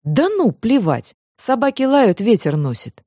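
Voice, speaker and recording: A woman's voice: fairly high pitch, sing-song, a little slow, warm tone, dry recording, studio quality, voice pushed up. A woman reading the part of a man, a teasing and affectionate lover, in an audiobook. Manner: bantering, affectionate.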